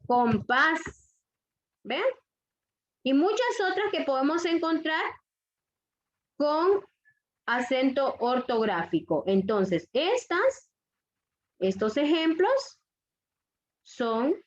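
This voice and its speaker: A woman's voice: high voice, expressive. A woman teaching a grammar lesson to young students, repeating each rule and checking that the class follows. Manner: slow, deliberate, repeats rules, checks understanding with questions. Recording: dull lo-fi audio.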